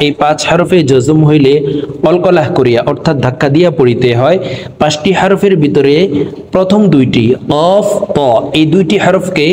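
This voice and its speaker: A man leads a Quran recitation lesson, explaining each rule and then chanting the verses slowly, stretching every word. His voice sits a little high. A long reverb and faint ambient hiss surround him. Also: a little mellow.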